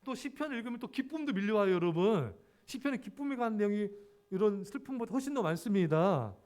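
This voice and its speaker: In a church sanctuary, a pastor delivers a sermon fast, his high, a little mellow voice full of lively intonation. Earnest throughout, he repeats key words and keeps addressing his congregation.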